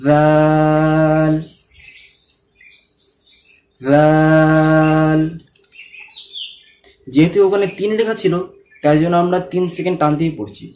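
A man's voice: high voice, animated, fast talker, darkish tone, slight background noise. A man teaching how to pronounce letters, patiently drawing out each sound and asking learners to repeat after him. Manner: asks the viewer to follow along and checks understanding. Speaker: Quran reading teacher. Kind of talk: step-by-step recitation lesson.

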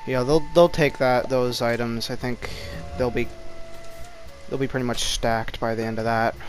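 A man's voice: mid-range voice, steady tone, normal speed, soft background music. A man giving casual commentary over his own gameplay, rambling and mocking himself, jittery from too much caffeine. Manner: rambling, self-mocking talk. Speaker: gaming YouTuber.

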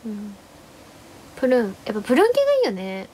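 Talking fast with huge pitch swings, this young livestream host has a mellow, mid-range voice. She chats casually and rambles about her day, greets each viewer individually, and speaks of herself in the third person. Slight background noise is present.

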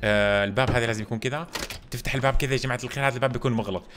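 A young man giving excitable gameplay commentary, animated and quick to burst into loud exclamations and English slang. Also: mid-range voice. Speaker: gamer streamer. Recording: music playing under the voice.

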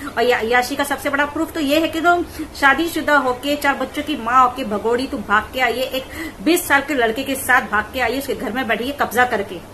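A woman vlogger giving mocking, scolding commentary on clips in rapid rants. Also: sits high, bright, forceful tone, a little hiss or hum, poor audio.

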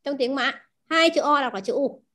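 High-voiced woman teaching a class. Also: normal speed, sharp tone. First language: Vietnamese. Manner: asks the class questions, repeats key words. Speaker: language teacher.

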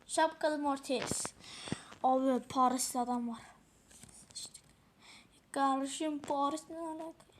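A woman giving casual, excitable gameplay commentary, swearing often and talking to herself as she plays. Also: high voice, a little slow, long pauses, slight background noise. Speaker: gamer playing a mobile game.

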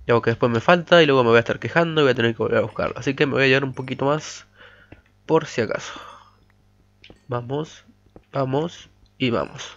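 A man's voice: medium pitch, fairly quick, long pauses. A man giving chatty let's play commentary while mining, humming "pa pa pa" to himself. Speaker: gamer. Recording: dull lo-fi mic audio.

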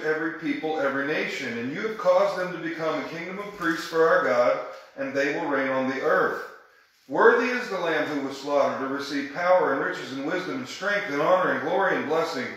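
A man's voice: fairly high pitch, a bit bright, very echoey, low-quality recording. A man leading a Bible study in a church room, teaching conversationally and emphatically and often checking in with his group.

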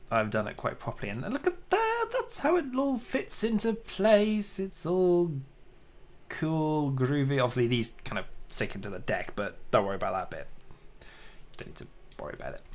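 While livestreaming his 3D modeling work, a man with a mid-range voice chats casually, poking fun at himself and letting out little exclamations.

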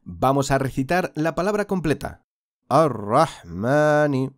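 A man teaching recitation in a slow, patient lesson, stretching out sounds for the listener to repeat. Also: medium pitch, very animated, a little mellow, dry recording, studio quality. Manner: patient, drawn-out demonstration of sounds. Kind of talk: slow instructional lesson with repeat-after-me drills.

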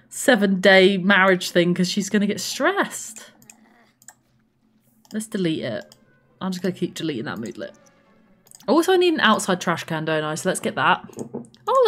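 Bubbly woman streamer, lively pitch. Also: normal speed. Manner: bubbly, gushing thanks to viewers. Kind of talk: casual gameplay live stream chat.

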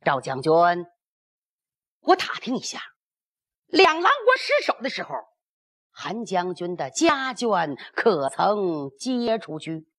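Courteous but guarded military commander played by a woman, gravelly, dramatic storytelling dialogue. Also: medium pitch, wildly swooping pitch, slow pace, pauses often, a bit bright, exaggerated voice. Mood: courteous, probing. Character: guarded, courteous male commander probing a visitor.

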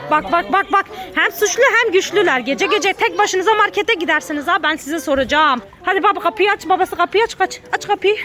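A woman in her thirties, a mother scolding her children and repeating quick commands in a family vlog. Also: very high voice, animated, bright, forceful tone, a faint crowd.

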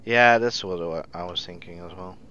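Male squad lead on headset, brisk and directive, muffled chat audio, faint game noise. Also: low-pitched, bright, forceful tone. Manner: brisk, directive, many fillers. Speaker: squad leader in a military game. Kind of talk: gaming voice chat, giving orders.

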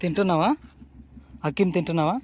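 A woman's voice: on the low side, steady tone, fast. Coaxing young mother over traffic noise. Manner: gentle, coaxing, repeats herself. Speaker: mother talking to her toddler. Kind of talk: casual home video chat. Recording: outdoor street noise with traffic.

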